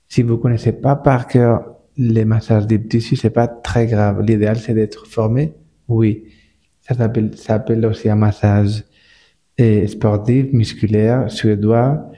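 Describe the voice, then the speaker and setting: Guesting on a laid-back podcast, a man who manages a spa speaks French with a Spanish-speaking accent. He's halting, often repeating words and starting over. His pitch is fairly low and his tone warm.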